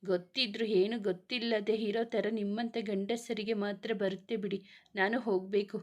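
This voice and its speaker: A woman's voice: mid-range voice, fairly even intonation, normal speed, highs cut off, natural voice. A hurt young woman speaks in short, sulky, cold replies, as a woman reading the story puts her on. The voice stays near the reader's own in this storybook reading. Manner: sulky, curt.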